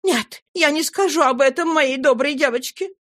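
A woman voicing a proud young woman who sobs and complains in a high wail. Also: normal speed. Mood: tearful outrage. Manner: high, loud, wailing complaint. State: sobbing. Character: proud young woman, tearful and self-pitying.

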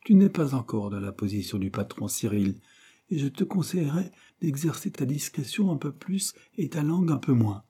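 A man's voice: mid-range voice, expressive, moderate pace, warm tone, husky, pitched above the performer's own voice. A man voicing a strict older male Quaker factory manager who scolds severely and with emphasis. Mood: firm rebuke.

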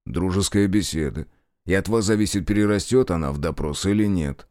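A man's voice: deep voice, big pitch swings, moderate pace, darkish tone, dry recording, clean studio sound. A man reading a cold, probing investigator. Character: cold, persistent male wartime investigator.

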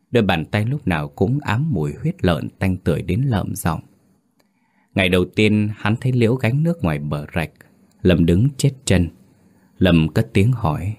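A man narrating a scripted horror story in a measured, dramatic manner. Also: sits low, a little mellow.

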